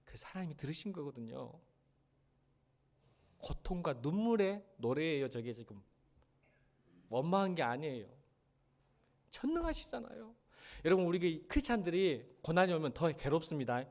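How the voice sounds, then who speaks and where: Guy pastor preaching, high voice swinging all over, loud pleas then soft asides. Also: lively intonation, moderate pace, long pauses. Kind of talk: sermon. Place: church sanctuary.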